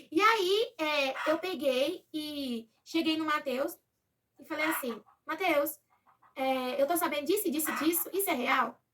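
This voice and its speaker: A Brazilian woman telling a personal story to her viewers in a casual, animated way, acting out what others said. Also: high-pitched, far from the mic.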